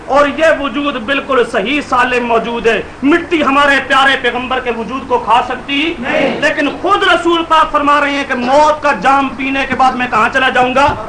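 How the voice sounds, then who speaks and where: A man giving a fervent, declaiming speech in a public religious debate, often shouting. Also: very high-pitched, fairly even intonation. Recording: noisy crowd around a speaker.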